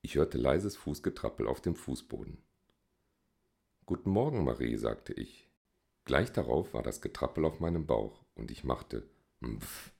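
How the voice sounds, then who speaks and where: A man reads a humorous audiobook in a dry, wry way. His voice is very deep with a gravelly texture. He moves it up and down with lively intonation. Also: unhurried. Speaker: audiobook narrator.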